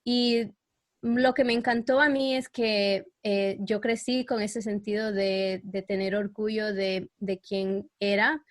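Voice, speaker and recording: A woman's voice: medium pitch, little pitch movement, slow, no echo. A middle-aged woman from El Salvador, raised in New York, speaking as a guest in a casual podcast interview. She talks hesitantly, with many fillers, and sometimes searches for words. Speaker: guest expert.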